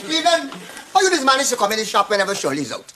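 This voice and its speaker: A fussy, bossy shop owner. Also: male voice, very high-pitched, big pitch swings, very fast, crowd noise, background noise. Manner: fussy, insistent. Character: bossy older male barber dreaming big. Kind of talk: sitcom acting.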